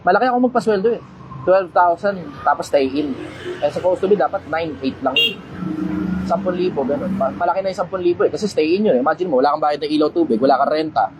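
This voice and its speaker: A man hosting a casual livestream Q&A, talking bluntly, swearing casually and getting loud when he makes a point. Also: a little high, background noise. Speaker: livestream host answering questions.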